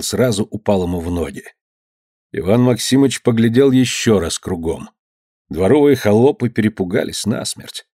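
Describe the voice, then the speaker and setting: A man reading a story aloud in a lively, dramatic narration, at a middle pitch, in a dry, close recording. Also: no room sound.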